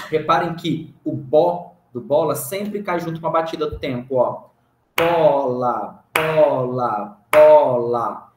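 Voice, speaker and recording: A man with a Brazilian Portuguese accent teaching an online music theory class, patiently explaining and counting rhythm syllables aloud. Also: on the high side. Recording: roomy echo, faint hiss.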